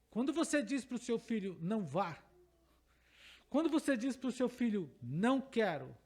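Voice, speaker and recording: A pastor with a Brazilian Portuguese accent delivers a teaching sermon in a strikingly high voice. He drives his points home by repeating phrases and asking the congregation questions.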